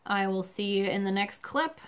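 A woman in her thirties reviews books for a home vlog. Her voice sits at a middling pitch, and she talks casually, thinking aloud with small self-deprecating asides. She is recorded indoors in a small room, speaking to a camera close in front of her. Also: animated, moderate pace, a little hiss or hum. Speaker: book reviewer.

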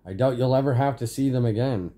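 A man's voice: mid-range voice, quick pace, warm tone, close to an everyday voice. A man reading a story aloud, voicing a confused, defensive young woman. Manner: pleading, defensive.

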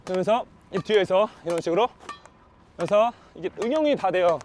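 A man's voice: high voice, lively intonation, a little fast, darkish tone, a little hiss or hum. A man teaching badminton defense, explaining and counting his strokes aloud while he hits against a wall. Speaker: badminton coach. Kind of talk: instructional demo while practicing.

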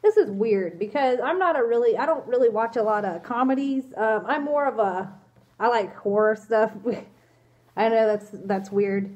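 A young adult fursuit vlogger, in costume in a small indoor room, answers viewer questions casually while fighting a congested cold. Her voice is a little high and a little mellow at normal speed, and she sounds hesitant and apologetic, full of ums. The phone she holds at arm's length gives dull audio.

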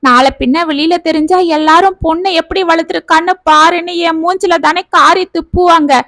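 A woman's voice: high voice, moderate pace, fairly bright tone, dry recording, clean studio sound. A woman voicing a middle-aged mother who talks in a scolding, outraged way.

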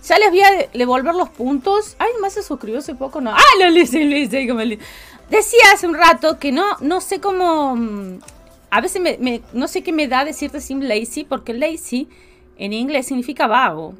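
An Argentine woman streaming a game from home, chatting with viewers in a casual way and bursting into loud excited exclamations. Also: sits high, moderate pace, faint music behind. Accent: Argentine Spanish. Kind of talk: casual live-stream chat while playing.

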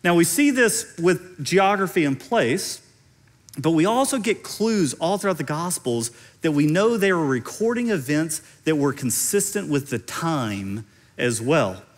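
A man's voice: on the high side, lively intonation, measured pace. A middle-aged man with a Central Kentucky accent preaching in a conversational, explanatory way, repeating phrases for emphasis. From central Kentucky, United States. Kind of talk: teaching sermon on stage. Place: large indoor stage.

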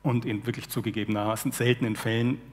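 This man talks fast at a medium pitch, with a level tone and a darkish timbre. He's a literary translator in his forties whose first language is German, sharing his thinking with a panel audience through a headset mic onstage, reflective and professorial with a dry ironic streak. Long reverb from the hall fills the recording.

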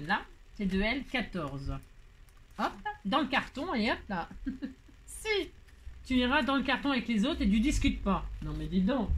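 A woman's voice: fairly high pitch, a little hiss or hum. A woman hosting a crafting channel, chatting casually and exclaiming with delight as she opens mail, with many fillers, and talking to the items she unpacks. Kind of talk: casual chat while opening mail.

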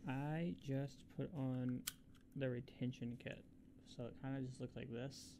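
A man's voice: mid-range voice, steady tone, measured pace, warm tone, a little hiss or hum. A man building the PC on stream, giving brief, matter-of-fact assembly tips. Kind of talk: casual technical explanation.

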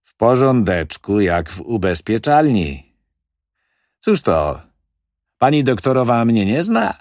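Man doing a loud, cocky building manager. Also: mid-range voice, big pitch swings, takes it slowly, no room sound, studio quality, pitched above the performer's own voice. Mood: boastful. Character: brash, boastful middle-aged male building manager.

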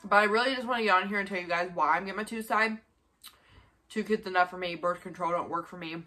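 Bright-voiced young woman chatting casually. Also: lowish voice, fast talker, slight background noise. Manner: rambling, informal, repeats herself. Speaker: vlogger filming a mukbang. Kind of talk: casual chat to camera. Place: small bedroom, indoors. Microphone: camera a short distance in front of her.

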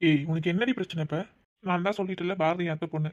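A man's voice: sits high, fairly even intonation, racing, natural voice. A man voicing a defensive, pleading young boyfriend in a cartoon, in a dull, dry, lo-fi recording. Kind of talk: cartoon voice acting.

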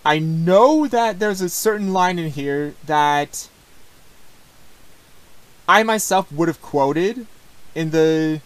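Male host, slow hesitant reaction commentary, slightly higher voice. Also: low-quality recording. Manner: rambling, hesitant, full of restarts. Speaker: host reacting to his old videos.

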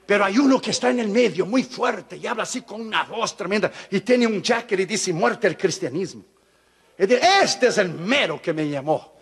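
A man preaching a sermon, telling a story with lively, acted-out dialogue. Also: sits high, moderate pace, breathy edge. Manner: animated storytelling, acting out dialogue. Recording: live sermon in a reverberant hall.

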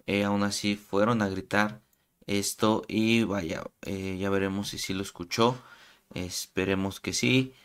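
A man's voice: on the low side, measured pace, smooth. A man giving casual commentary for his YouTube channel, talking loosely with frequent hesitations. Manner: relaxed, hesitant with frequent "eh" fillers. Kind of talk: casual reality-show commentary.

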